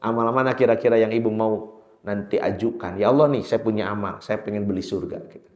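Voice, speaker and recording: A man with a Sundanese accent preaching a sermon in a mosque, telling a story with sudden high, loud outbursts and chanting verses slowly. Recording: echoey mosque hall.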